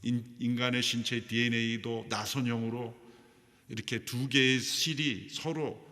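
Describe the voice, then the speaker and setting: A man's voice: medium pitch, fairly even intonation, a little slow, pushed and bright. Emphatic male pastor preaching in reverb. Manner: emphatic preaching, voice rising sharply on key phrases. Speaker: senior pastor. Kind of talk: sermon. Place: large church sanctuary. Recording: long hall reverb.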